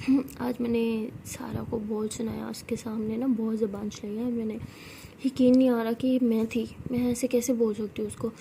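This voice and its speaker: A woman voicing a gentle, caring young woman who talks softly and apologetically, with light joking. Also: fairly high pitch, level tone, moderate pace, gravelly, slight background noise.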